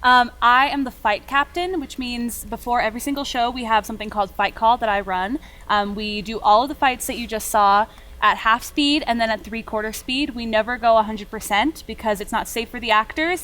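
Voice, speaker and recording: A woman's voice: fairly high pitch, fairly bright tone. A woman from San Diego, an actor and the fight captain, explaining safety in a confident, matter-of-fact way. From San Diego, California.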